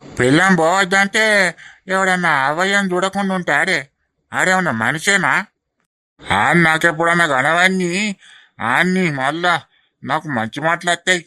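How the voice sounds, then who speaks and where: A performer voicing a gruff old village grandfather in an animated comedy, blunt and chiding. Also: medium pitch, moderate pace, pauses often, no room sound, studio quality, lightly acted. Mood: scolding.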